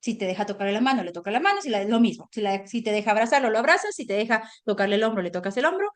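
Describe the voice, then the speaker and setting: Animated woman lecturing parents. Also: a little high, very fast. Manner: animated, addresses parents directly with frequent check-ins. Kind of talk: online parenting talk.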